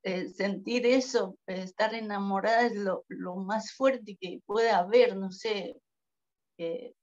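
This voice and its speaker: A woman giving a halting, earnest personal testimony at a church Bible study, repeating her pleas. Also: mid-range voice, steady tone, darkish tone, highs cut off.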